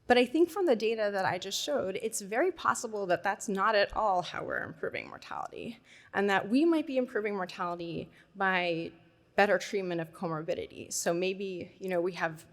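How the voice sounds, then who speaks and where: A woman presents at a conference in a fairly low voice. She talks through her points conversationally, with hedging asides and occasional fillers. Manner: conversational, thinking aloud. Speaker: conference speaker.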